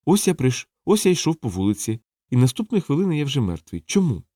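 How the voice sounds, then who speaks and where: A man's voice: mid-range voice, very animated, fast talker, dark tone, no echo, clean studio sound. A man voicing a freshly dead male clown, puzzled and plaintive. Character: dead male clown, bewildered but mild.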